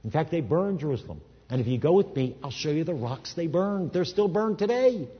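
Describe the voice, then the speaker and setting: Male preacher, animated sermon, wide pitch swings, long hall echo, dull recording. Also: fairly quick, breathy edge. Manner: animated, swings from shouting to hushed. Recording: reverberant hall, dull sound.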